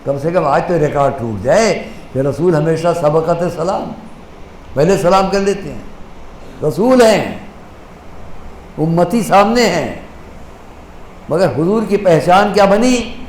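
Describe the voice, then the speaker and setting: A maulana preaches at a majlis in a mourning hall with an Indian Urdu accent, impassioned and expressive, slowly stretching out quoted Quranic phrases and dropping to a soft voice to act out exchanges. His pitch is fairly high. The hall is echoey with faint ambience and a little hiss or hum.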